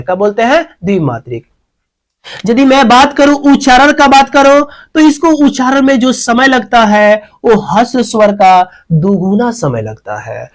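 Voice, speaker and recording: This clip has poor audio and a medium-pitched voice. A teacher stands by a board for an exam-oriented grammar lesson, asking and answering their own questions and going back over key terms.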